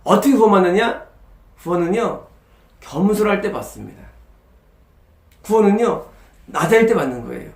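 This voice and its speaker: Male pastor, sermon delivery, very lively pitch, emphatic rhetorical questions. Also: quick pace, creaky, echoey room. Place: church sanctuary.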